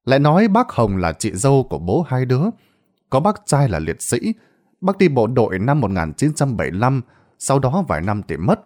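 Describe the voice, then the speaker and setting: Expressive male ghost story narrator. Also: medium pitch, fairly quick.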